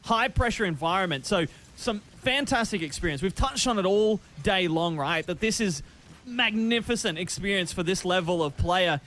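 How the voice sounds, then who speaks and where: A man casting an esports match, calling plays quickly with frequent restarts. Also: high voice, animated, a bit bright, a little hiss or hum. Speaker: esports caster. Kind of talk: esports play-by-play commentary.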